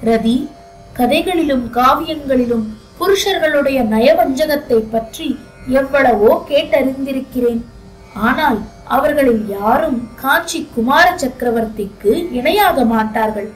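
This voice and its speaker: A woman's voice: sits high, slow pace, a little hiss or hum, rough recording. A woman narrator voicing an angry, hurt young dancer who talks bitterly through her pet deer, over faint music. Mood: scornful.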